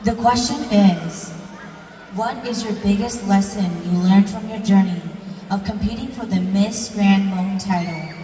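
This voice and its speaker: A woman's voice: medium pitch, unhurried, far from the mic, a little hiss or hum. A woman announcing formally on stage as the host of a pageant. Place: large event hall with crowd. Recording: echoey hall from afar, loud music and crowd.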